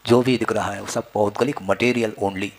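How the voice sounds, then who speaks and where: A man's voice: fairly low pitch, steady tone, brisk. A man giving a spiritual discourse as a wise religious teacher, instructing his listeners with rhetorical questions and repeated phrases.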